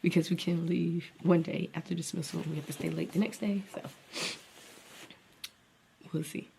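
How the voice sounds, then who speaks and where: A young special education teacher with a Southern US accent vlogs casually to camera, rambling and thinking aloud, sometimes dropping to a near-whisper, and sounds congested from a cold. Her lowish voice is dark and steady with vocal fry at a normal speed, with a slight hiss or hum in the recording.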